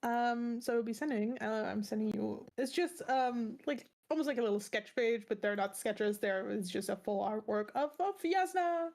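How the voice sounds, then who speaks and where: A young woman co-hosting a casual book podcast, her voice sitting a little high. She is bubbly and giggly, with plenty of fillers and restarts. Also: moderate pace, hardly any pauses, darkish tone. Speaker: podcast co-host. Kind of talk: casual chat.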